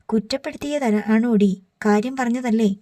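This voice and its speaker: A woman's voice: fairly high pitch, normal speed, dry recording, close to an everyday voice. A woman reading the lines of an angry middle-aged father who scolds his daughter. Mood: stern. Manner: scolding, forceful.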